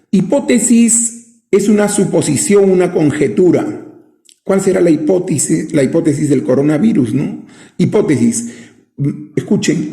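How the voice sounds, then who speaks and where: Male teacher, slow and deliberate, gravelly, higher-pitched voice, echoey room. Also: dark tone. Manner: slow, drawn-out, asks rhetorical questions. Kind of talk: recorded lesson.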